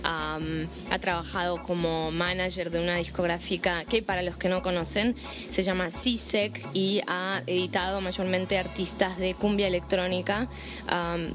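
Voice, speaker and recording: A woman's voice: on the low side, unhurried. Lady radio host, chatty, lots of little ums, music playing under her. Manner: relaxed, chatty with fillers. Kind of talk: casual radio interview. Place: vegan café.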